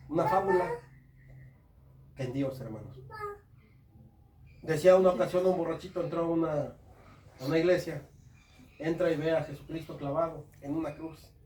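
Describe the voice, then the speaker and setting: A man's voice: fairly high pitch, dark tone, slight background noise. A man preaching a fervent sermon at a home service, often calling his listeners brothers. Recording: echoey room, from far off, faint ambience.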